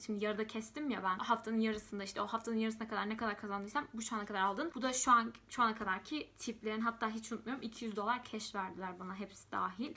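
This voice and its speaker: A young woman from Turkey tells a personal story straight to camera. Her voice sits a little high and sounds bright. She talks in a chatty, emotional way, full of fillers and small restarts. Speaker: vlogger.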